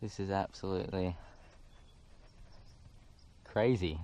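A man's voice: deep voice, steady tone, takes it slowly, dark tone, slight background noise. A young man giving casual running commentary while climbing through ruins, wearing a head camera outdoors. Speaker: vlogger exploring ruins. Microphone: head-mounted action camera.

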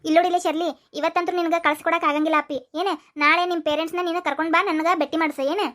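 A woman's voice: very high voice, flat delivery, fairly bright tone. A woman voicing a strict but kind young schoolteacher who coaxes and scolds in a North Karnataka Kannada accent. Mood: scolding. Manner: coaxing then scolding, rapid and talky. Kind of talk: cartoon voice acting.

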